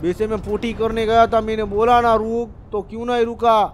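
A man's voice: high voice, level tone, fairly quick, a little hiss or hum. A man joining in as a fellow player, joking and calling names.

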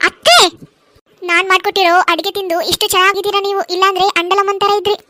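A sly, sugary young daughter-in-law in a comedy cartoon, voiced by a woman. She coaxes and needles in a very high, bright voice, close and dry. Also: level tone, dry recording. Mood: cheeky. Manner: coaxing, cheeky, quick comebacks. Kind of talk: cartoon voice acting.

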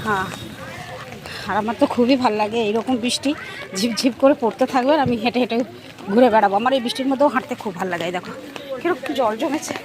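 With a crowd audible behind her, an Indian woman vlogger talks quickly in a fairly high voice as she strolls rain-soaked streets and visits a shop. Her chatty, casual narration speaks to viewers as though they were friends.

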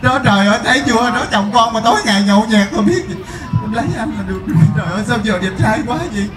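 A man playing a loud, jealous wife who wails and scolds while hunting down her drunk husband in a live comedy skit. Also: sits high, very fast, reverberant, over music, close to an everyday voice. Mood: flirty. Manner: wailing, scolding, crying out to the crowd.

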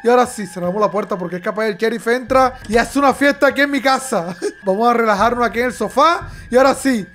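A man giving excitable let's-play commentary to his viewers, laughing and shouting often. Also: very high-pitched, fast, slight background noise. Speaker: gaming YouTuber.

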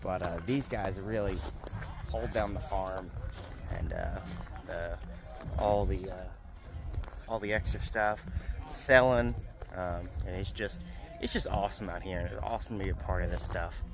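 Man, 30s, slightly low voice, casual upbeat vlog, filler-heavy rambling, phone at arm's length outdoors. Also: unhurried, pauses often. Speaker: vlogger. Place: outdoors on a farm. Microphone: phone camera at arm's length.

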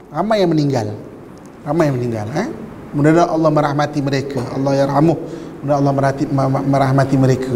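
A male preacher, telling a story to a live audience in a lively, joking way. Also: high-pitched, long reverb tail, slight background noise.

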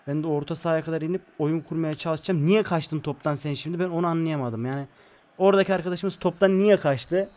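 A young man talks over his football video game from home late at night, holding his voice down. His voice sits a little high for a man. He gets excitable, jumping from shouts at the plays to glum muttering. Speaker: gaming YouTuber.

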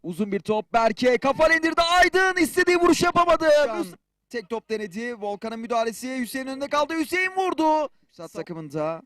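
A man commentating on a football match in short clipped phrases, screaming excitedly as shots and goals come. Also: extremely high pitch, fairly quick. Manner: short clipped phrases, calling players by first name.

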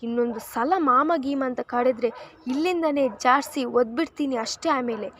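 A woman's voice: sits high, normal speed, fairly bright tone, slight background noise. A woman voicing a short-tempered young husband who snaps and scolds in a storybook reading. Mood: irritated. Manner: gruff, snapping.

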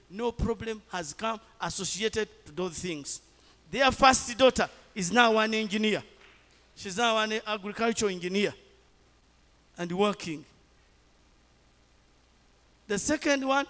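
High bright preacher man, echoing chapel. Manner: testimony-style preaching, rising to loud exhortation. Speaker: pastor. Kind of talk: sermon. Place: large chapel with long reverb. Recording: reverberant church hall.

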